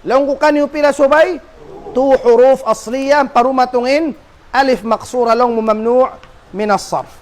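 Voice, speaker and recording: A man's voice: very high-pitched, fairly even intonation, slow. A man teaching an Arabic grammar class, drilling students with repeated questions and call-and-response.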